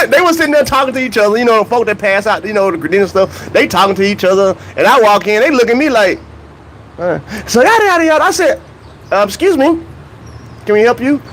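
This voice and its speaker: A young man with an extremely high, slightly bright voice delivers a casual, comedic rant about track and field. Between points he laughs, and he repeatedly asks rhetorical questions.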